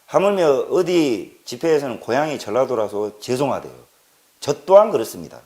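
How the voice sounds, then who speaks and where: A man's voice: medium pitch, very animated, normal speed, mellow. A man from Jeolla delivering an impassioned political monologue, stressing points by repeating words and asking rhetorical questions. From Jeolla, South Korea. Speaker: political commentator.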